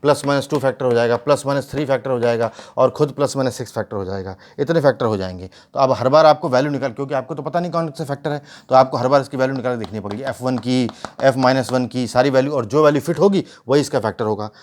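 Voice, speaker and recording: A man's voice: medium pitch, fast, few pauses, a little mellow. A male math teacher, explaining steps and asking rhetorical questions. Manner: mixes English math terms into speech. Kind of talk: whiteboard math lesson.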